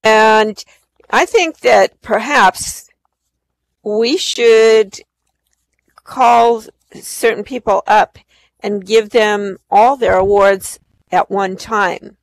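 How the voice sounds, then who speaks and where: A woman's voice: mid-range voice, drawn-out words, dry recording, rough recording. A woman presenting awards live at an online event as the host, effusive in her praise.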